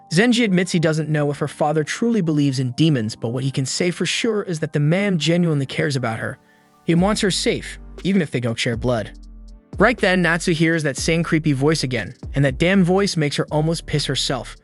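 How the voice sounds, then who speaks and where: A man reading a scripted story recap in a casual, slangy storytelling manner. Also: a little high. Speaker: recap narrator. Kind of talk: scripted narration.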